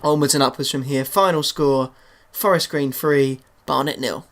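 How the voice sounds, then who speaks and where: Excitable man commentating a football game. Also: moderate pace. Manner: excitable, shouts goals then drops to a low murmur. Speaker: gaming YouTuber. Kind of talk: live commentary over a football video game.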